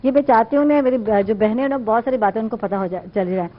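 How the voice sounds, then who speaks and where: A woman's voice: fairly high pitch, highs cut off. A woman hosting a morning show cooking segment, chatting along and affirming her guest often. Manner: chatty, affirming with frequent "theek hai". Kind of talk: live cooking segment chat.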